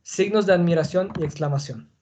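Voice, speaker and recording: A man's voice: high-pitched, a little fast, background noise. A man teaching a class on punctuation, explaining patiently and checking in with his students. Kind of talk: online class on Spanish punctuation.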